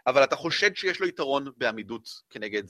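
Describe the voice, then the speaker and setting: A man running a tabletop game as game master, narrating with many fillers and lively storytelling. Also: medium pitch, no room sound.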